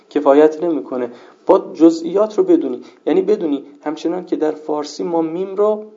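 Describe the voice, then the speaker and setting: A man's voice: fairly high pitch, creaky, dark tone. A man teaching a seminary lesson on jurisprudence, explaining points patiently and conjugating examples aloud. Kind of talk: lecture on Islamic jurisprudence. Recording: dull lo-fi recording.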